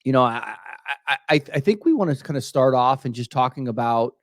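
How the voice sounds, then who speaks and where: A man in his late thirties, co-hosting a podcast in casual chat, animated and stumbling over repeated words as he talks. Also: mid-range voice, fairly quick, dry recording, studio quality. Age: 30s. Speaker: podcast co-host.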